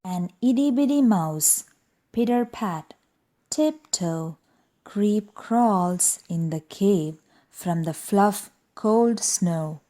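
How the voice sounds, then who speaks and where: A woman reading a children's rhyming storybook aloud in a deliberate, expressive, rhythmic way. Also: mid-range voice. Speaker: storybook reader. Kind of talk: children's read-aloud narration.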